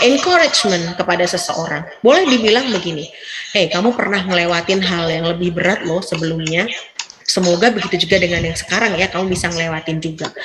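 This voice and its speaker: A middle-aged woman psychiatrist giving a lively, animated motivational talk, acting out quoted voices and laughing often. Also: mid-range voice, poor audio.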